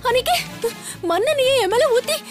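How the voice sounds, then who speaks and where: A woman's voice: very high voice, lively intonation, brisk. An actress playing a tearful young daughter-in-law who claims she was beaten, pleading through sobs, over serial music. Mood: sobbing. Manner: sobbing, pleading complaints.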